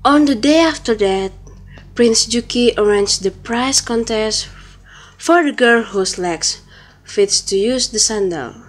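A woman's voice: fairly high pitch, slow pace. A young woman narrating an amateur school drama in a careful, read-aloud way. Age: young adult.

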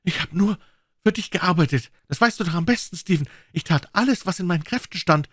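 A man's voice: high voice, animated, brisk, a bit bright, no echo, studio quality, voice pushed up. A man voicing a desperate, cornered male murder suspect in a crime audiobook, pleading in a strained, raised voice.

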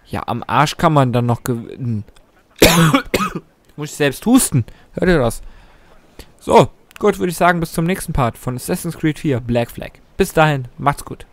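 A young man casually commenting on his gameplay, excitable, taunting and swearing at the game's characters. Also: a little high, a little slow, no room sound. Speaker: let's play host.

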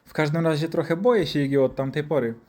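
Man, profane sarcastic storytelling, rhetorical questions, slightly high pitch. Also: quick pace, darkish tone.

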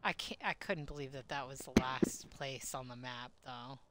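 A woman's voice: extremely low pitch, normal speed, very noisy. A woman streamer chatting casually while gaming. She rambles and giggles, and she sounds sleepy and yawny. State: sleepy, yawning. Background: game music.

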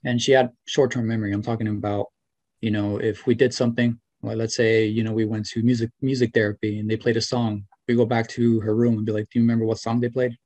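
A man's voice: on the low side, little pitch movement, fast talker, darkish tone, no echo. Earnest young man on a video call. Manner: earnest, grateful, many fillers like "you know" and "right". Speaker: interview guest, former student. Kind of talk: video call interview, casual. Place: small room at home. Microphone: webcam or laptop mic on video call.

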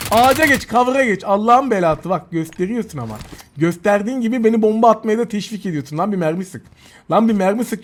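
Young male gaming YouTuber, high voice, excitable trash-talking play-by-play, faint hiss behind. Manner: excitable, mocking and cursing at opponents. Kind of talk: live gameplay commentary.

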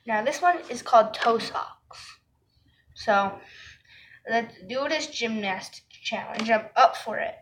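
A woman's voice: on the high side, takes it slowly, a bit bright, a little hiss or hum, low-quality recording. A woman vlogging in a rambling, giggly way, chatting casually to camera and correcting herself as she goes.

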